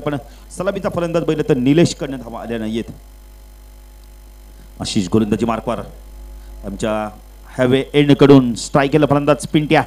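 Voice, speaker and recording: Over a public address microphone at an outdoor local cricket match, a man gives live play-by-play commentary, mixing English cricket terms into his speech. He grows louder and higher on runs and wickets and calms down between balls, all in poor audio.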